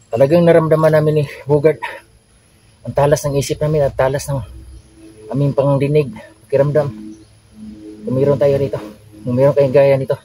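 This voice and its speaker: A man's voice: mid-range voice, mellow. A man narrating an outdoor adventure vlog straight to his viewers, earnest and out of breath from a long hike. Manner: earnest, talks directly to viewers. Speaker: vlogger. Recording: noisy outdoor recording.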